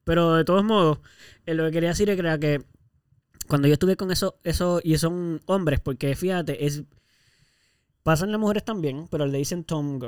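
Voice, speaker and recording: A man with a Puerto Rican accent, co-hosting a podcast in casual, earnest, expressive conversation. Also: fairly high pitch, moderate pace, clear, resonant tone, no echo, studio quality. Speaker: podcast co-host.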